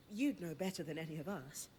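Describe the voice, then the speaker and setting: A woman plays a dry, teasing companion in a video game. Her voice sits low and stays soft and understated. A steady layer of noise runs under the game audio. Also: lightly acted. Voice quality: soft, low-key and wry. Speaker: game character.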